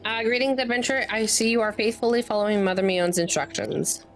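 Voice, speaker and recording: Over video game music, a chatty woman livestreams a casual let's play, reading game dialogue aloud and tripping over fantasy names. She snacks as she goes, cutting herself off with playful asides, her somewhat high voice steady and brisk on a low-quality recording.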